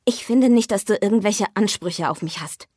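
Woman doing a cool distant girlfriend, low-key and quiet, dry sound. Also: normal speed, breathy edge, dry recording, close to an everyday voice. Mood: cool, evasive. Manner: calm, quiet and evasive.

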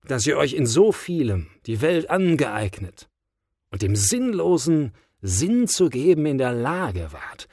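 A man's voice: mid-range voice, sing-song, slow pace, mellow, husky, no echo, studio quality, exaggerated voice. Man voicing a weary, blunt God. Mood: musing. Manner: blunt, casual and world-weary. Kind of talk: audiobook reading.

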